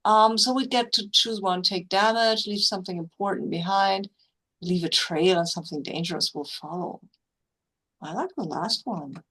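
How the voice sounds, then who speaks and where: A woman chatting casually as a player in a tabletop role-playing game, halting and thinking aloud. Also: mid-range voice, fairly bright tone, husky.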